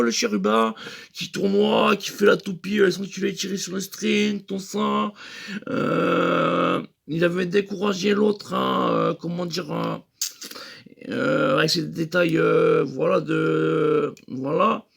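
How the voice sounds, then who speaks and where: A man's voice: on the high side, gravelly, husky. A man telling a rambling comic story in slang, hesitant and full of fillers and restarts.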